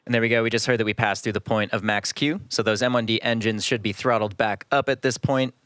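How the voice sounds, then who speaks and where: A man provides composed live commentary as a webcast host. His voice is clean and resonant, a little on the low side. He explains things informatively in a very dry sound. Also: fairly even intonation, fast, fairly bright tone, clean tone, no echo.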